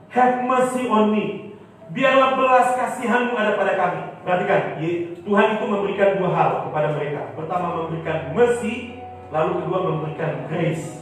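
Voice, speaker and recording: A male pastor preaching a sermon, swinging from loud cries to low murmurs. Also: slight background noise. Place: church hall. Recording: echoey hall, distant mic, with music.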